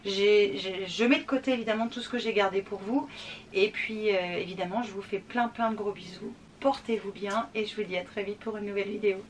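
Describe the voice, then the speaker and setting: Speaking from her home in a casual product review vlog, this woman from France rambles, uses lots of fillers, and laughs frequently. Her medium voice is brisk with fairly even intonation, and the mic sits at a distance.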